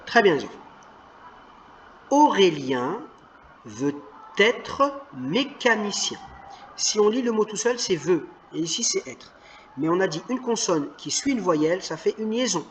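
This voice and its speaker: Animated male teacher reading slowly. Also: sits high, slight background noise. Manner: slow, clearly stressed word-by-word reading; patient, encouraging teacher talk. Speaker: primary school teacher. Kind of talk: reading lesson for children.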